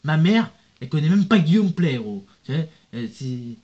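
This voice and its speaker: A man's voice: a little high, very animated, moderate pace, darkish tone. A young man in a casual vlog, reading viewer comments aloud and answering them in a rambling, slangy way while speaking straight to the viewer. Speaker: YouTuber. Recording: dull lo-fi sound.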